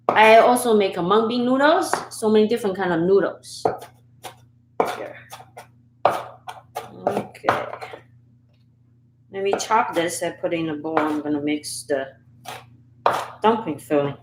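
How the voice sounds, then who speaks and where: Chatty cooking host. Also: female voice, fairly low pitch, expressive, unhurried, long pauses, echoey room, heavy background noise. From Sichuan, China. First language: Chinese. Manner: chatty, talks to viewers while chopping, laughs often. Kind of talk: live-stream cooking chat. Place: home kitchen. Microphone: camera and phone setup.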